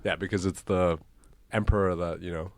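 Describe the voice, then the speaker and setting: Startup founder guest from Hong Kong, relaxed and chatty, low voice, dry close mic. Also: male voice, normal speed, no echo. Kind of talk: casual interview. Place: live podcast stage.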